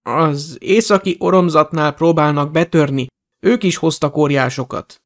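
A man voicing a gruff, grey-haired old innkeeper shouting in battle, in an audiobook. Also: a little high, lightly acted.

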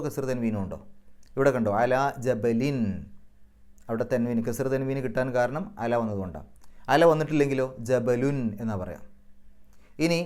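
A man's voice: mid-range voice, darkish tone. A man with a Kerala Malayalam accent giving a patient, step-by-step Quran grammar and recitation lesson. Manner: patient, explains step by step, chants verses slowly. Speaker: Quran teacher.

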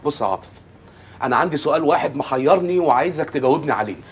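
A man's voice: fairly high pitch, lively intonation, very fast, slightly rough. An actor playing an exasperated young man of the household, sarcastic and fed up, speaking with an Egyptian Arabic accent in a TV comedy series. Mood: stern. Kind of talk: TV comedy drama acting.

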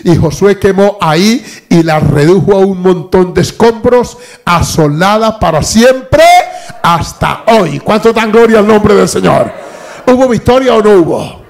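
Gravelly older preacher. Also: male voice, sits high, measured pace. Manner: preaching with lively acted-out dialogue. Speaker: pastor. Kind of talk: sermon.

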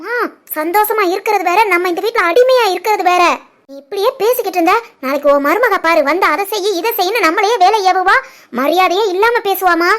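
A woman doing a very high, bitter village sister-in-law. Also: brisk, a bit bright. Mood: insistent. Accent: southern Tamil Nadu village dialect. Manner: complaining, insistent and bitter. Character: sharp-tongued scheming young village woman, sister-in-law. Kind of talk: animated family drama voice acting.

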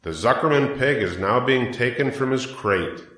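Storybook loudspeaker announcer, played by a man: pompous, formal, booming, full of self-importance. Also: animated, normal speed, echoey room, natural voice. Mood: commanding. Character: pompous fairground loudspeaker announcer making grand proclamations.

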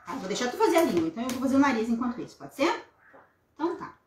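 Craft host, woman in her thirties, animated intonation, casual live delivery, echoey room. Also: high-pitched, rapid-fire. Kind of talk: casual live craft demonstration with chat greetings. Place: small indoor craft room at a table. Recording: roomy echo, some background noise, clicks.

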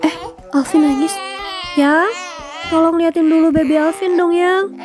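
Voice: very high-pitched, fairly even intonation, measured pace, pitched above the performer's own voice. A young performer raising their voice to play a young wife and new mother in a fan drama, calling out in a light, pleading tone. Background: background music.

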